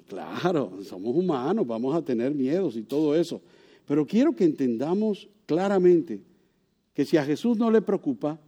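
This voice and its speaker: A male pastor preaching a sermon, throwing rhetorical questions to the congregation and swinging widely in pitch and loudness for emphasis. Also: lo-fi sound.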